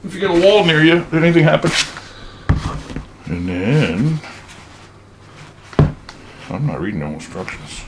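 A man's voice: a little high, lively intonation, measured pace, pauses often, noisy background. A man in his sixties giving a casual, rambling toy demo in a folksy, playful way. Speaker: product demonstrator. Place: home kitchen. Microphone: camera a few feet away.

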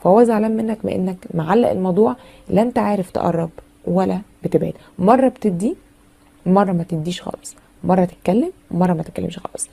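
A woman's voice: on the low side, fast, creaky, dark tone, husky. A woman with an Egyptian Arabic accent giving a chatty, casual tarot reading full of fillers and teasing asides. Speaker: tarot reader.

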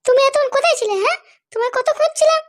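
A woman's voice: extremely high pitch, very fast, no echo, pitched above the performer's own voice. A woman voicing an anxious, pleading middle-aged mother in a cartoon, fretful and insistent. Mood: fussing. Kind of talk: cartoon voice acting.

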